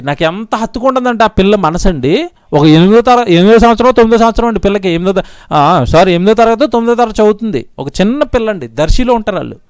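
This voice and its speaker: A man's voice: high voice, clear, resonant tone, no room sound, clean studio sound. A male pastor preaching a sermon in an impassioned, pleading way, repeating his lines over and over.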